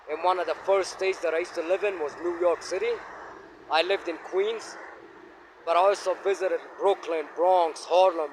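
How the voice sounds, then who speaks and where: An Afghan man in his fifties walks through an outdoor park, telling his life story to the phone camera he holds facing himself. He's a vlogger with a high voice, speaking haltingly and reflectively with many fillers over a noisy background.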